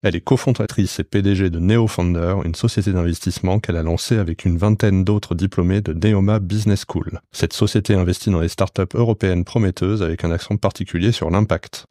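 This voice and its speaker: A man hosting a podcast interview, talking in a relaxed conversational way with some fillers. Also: low-pitched, fairly quick, few pauses, no room sound, clean studio sound. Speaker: podcast host.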